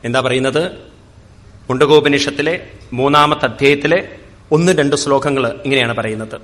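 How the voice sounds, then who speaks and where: Bright-voiced man chanting and explaining scripture. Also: medium pitch. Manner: chants verses slowly, then explains in speech. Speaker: spiritual teacher. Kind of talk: scripture discourse.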